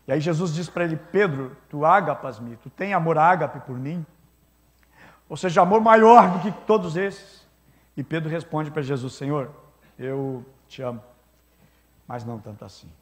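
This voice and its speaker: A pastor delivers a sermon in a high, bright-toned voice. He preaches earnestly, building up loud on his key points and pulling back quietly when he quotes. It is a man speaking at a church service.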